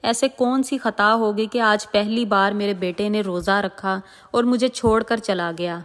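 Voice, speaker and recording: A frantic, grieving mother pleads for her son, as a woman storyteller puts her on. The voice sits at a middle pitch and carries a long echoing tail. It is a plain narrated storybook reading. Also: steady tone, a bit bright, close to an everyday voice. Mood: lamenting. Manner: pleading, lamenting.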